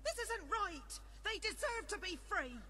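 High-voiced earnest village lady. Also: animated, a little slow, pushed and bright, a little hiss or hum, full character voice. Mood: earnest, pleading. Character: earnest, soft-hearted village woman.

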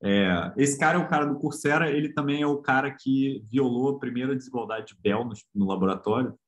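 Speaking at a medium pitch and a brisk pace, a Brazilian man delivers a casual online physics lecture in a Brazilian Portuguese accent. He keeps it conversational and laid-back, often hesitating and tacking on tag questions.

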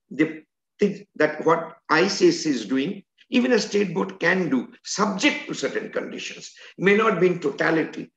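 Older man, earnest lecturer, somewhat high voice, dull webcam audio. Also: a bit bright. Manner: earnest, emphatic, lecturing with hand gestures. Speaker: educator and trainer. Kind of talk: online lecture talk. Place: home room, video call. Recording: roomy, dull video-call audio.

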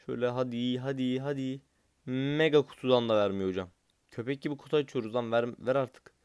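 A man's voice: medium pitch, fairly even intonation, a little fast, a little mellow, smooth, no room sound, clean studio sound. A young man from Turkey doing gaming commentary, impatient and swearing at the game as he opens loot boxes. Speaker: gaming YouTuber.

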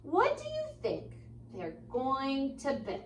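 A schoolteacher in her twenties, American, reads a picture book to her elementary class, her voice sitting high. Expressive and deliberate, she makes chatty asides and questions the kids animatedly. The recording comes from a phone camera a few feet away in a roomy classroom.

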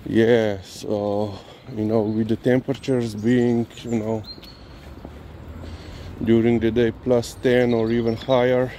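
A slow-talking man, chatting as he walks his dog along city streets at night. His voice is mellow and unhurried, recorded on a phone with faint traffic noise behind him. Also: mid-range voice, level tone. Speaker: dog owner vlogger. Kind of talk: casual walking commentary. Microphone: handheld phone camera filming while walking.

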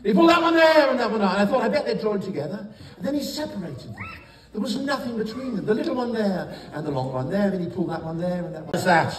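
An older English man working as a kids' party magician, with lively, swooping delivery. He teases and instructs children in playful, theatrical stage patter. He is heard from far off in an echoey, noisy hall. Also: high voice, quick pace. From England. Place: large wood-panelled indoor council chamber. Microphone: audience phone camera from several metres. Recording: echoey hall, distant phone, noisy young audience. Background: crowd of children and adults.

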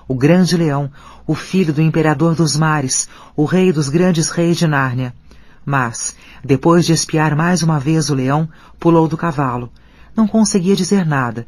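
A man narrating an audiobook in an even, measured reading voice. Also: on the high side, no room sound. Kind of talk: scripted narration.

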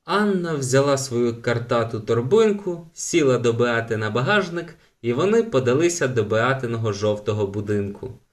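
A man reading a children's audiobook aloud in scripted storybook narration, evenly and lightly expressive. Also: medium pitch, moderate pace, hardly any pauses.

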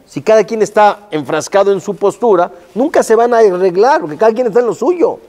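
A man, a rabbi giving a sermon, telling the story with lively rhetorical questions to his listeners and Hebrew terms mixed in. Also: high-pitched, fairly quick.

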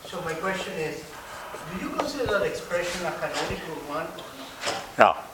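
A man's voice: high voice, very animated, moderate pace, very noisy. A man in a lecture hall asking the lecturer hesitant, probing questions from the audience.

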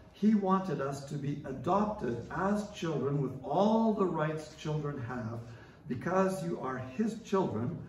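A man preaching a sermon as pastor, earnest and emphatic, with many pauses and fillers. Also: on the high side, darkish tone, a little hiss or hum. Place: large church hall. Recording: distant mic in a very echoey hall.

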